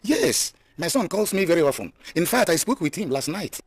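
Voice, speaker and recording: Friendly Nigerian host, fast, lively pitch, reassuring, light background noise. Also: male voice. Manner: reassuring, hospitable. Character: friendly older male host, reassuring and hospitable. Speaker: J K, a family friend. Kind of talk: Nollywood film acting.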